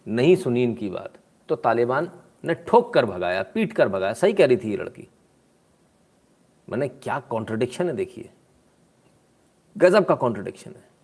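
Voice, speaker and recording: A man giving casual, sarcastic live commentary, with mocking asides and frequent throat clearing. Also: medium pitch, big pitch swings, normal speed, pauses often, a little mellow. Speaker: political commentator.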